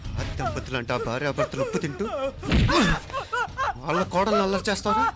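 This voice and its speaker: A man's voice: medium pitch, animated, fast, over loud music, close to an everyday voice. Young male lead played by a man: cool, probing, then stern and commanding. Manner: probing, stern, rising to a shout. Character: sharp, protective young hero interrogating. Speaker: nephew questioning a servant. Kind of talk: film dialogue.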